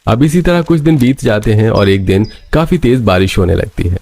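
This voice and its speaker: A man narrates a cartoon story with a steady, even storytelling manner. His voice sits low. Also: normal speed, soft background music.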